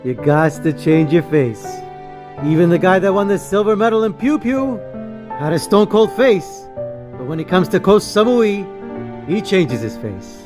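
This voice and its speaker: A man's voice: high-pitched, very animated, measured pace. A man vlogging as he walks along a beach outdoors, upbeat and cracking jokes. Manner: upbeat, joking asides. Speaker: travel vlogger. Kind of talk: casual walking tour narration. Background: music.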